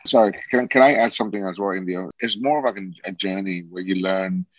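Talking fairly quickly in a low voice, this Australian guest in his 40s, a social entrepreneur, rambles casually and keeps restarting his thoughts during the interview. There's no room sound, and the audio is dull and lo-fi.

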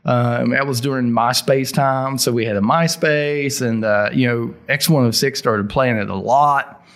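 A middle-aged heavy metal singer with a thick Southern US drawl tells stories casually as an interview guest, using informal, folksy language. His voice is medium in pitch and a little slow.

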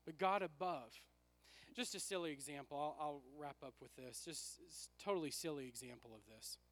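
A man preaching a sermon with personal stories as a pastor, his raspy voice worn from use, repeating phrases for emphasis. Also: a little high, fairly quick.

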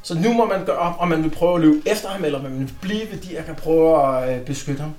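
Guy running a tabletop game, kinda high voice, lots of uhs, echoey room. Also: darkish tone, soft background music. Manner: hesitant, many fillers. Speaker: game master.

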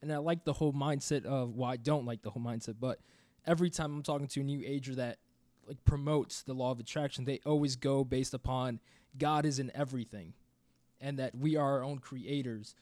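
A man co-hosting a casual podcast discussion, speaking in a steady, reflective way. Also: mid-range voice, a little fast, no room sound. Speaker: podcast co-host.

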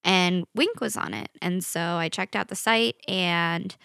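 Podcast co-host, woman, bright with vocal fry, bubbly, dry mic. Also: fairly low pitch, unhurried, no echo. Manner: bubbly, laughs often, many fillers. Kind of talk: casual chat.

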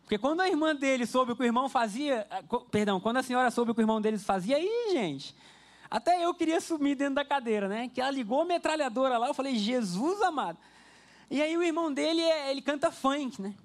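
High-voiced man preaching a story-driven sermon. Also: quick pace. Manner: lively storyteller, speaks directly to the congregation. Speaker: pastor. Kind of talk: conversational sermon with personal stories. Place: church service before a congregation.

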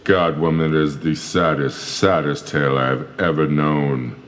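A man's voice: rumbling low, fairly even intonation, unhurried, a little hiss or hum. A man voicing a drunk, gloomy private investigator who rambles in a befuddled, self-pitying way in a comedic audio drama. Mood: flustered.

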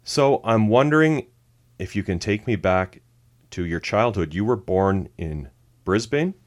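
A man's voice: lowish voice, animated, unhurried. A man hosting a podcast, interviewing a guest in a laid-back way. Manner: laid-back, brief affirmations. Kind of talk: casual interview.

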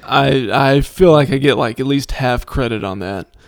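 A man's voice: medium pitch, moderate pace, gravelly, no echo, clean studio sound. An American man chatting and joking casually as a quiz contestant.

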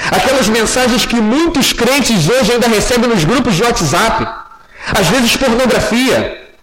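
A young man preaching a sermon earnestly, dropping low and soft when he addresses the congregation. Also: slight background noise, low-quality recording.

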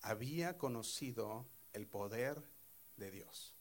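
A man preaching a sermon, retelling a Bible story with lively, acted-out quotes and sudden drops to a hushed voice. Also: mid-range voice, slow.

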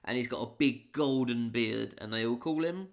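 A man's voice: mid-range voice, normal speed, creaky. A man, co-hosting a podcast and casually brainstorming a fantasy story, rambling with lots of fillers. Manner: rambling, many fillers and restarts. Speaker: podcast co-host. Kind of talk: casual worldbuilding chat.

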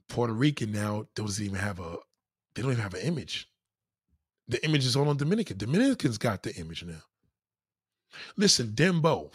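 In a dry, studio-quality recording, a New York man with a low-leaning, slightly breathy voice rants to his live-stream viewers. It's a casual, blunt, profane stream full of animated street talk, and he reads their comments aloud.

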